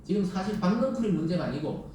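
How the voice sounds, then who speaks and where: Animated pastor in an echoey church. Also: male voice, high voice, fast, slight background noise. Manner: asks the congregation rhetorical questions and acts out quoted lines. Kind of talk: sermon. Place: church sanctuary. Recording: very echoey hall, mic at a distance.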